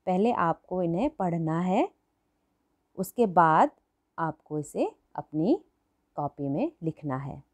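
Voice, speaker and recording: A woman's voice: lowish voice, animated, takes it slowly, long pauses, a little mellow. A woman teaching a primary school lesson, patient, repeating each word and asking the class questions. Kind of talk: slow classroom lesson for children.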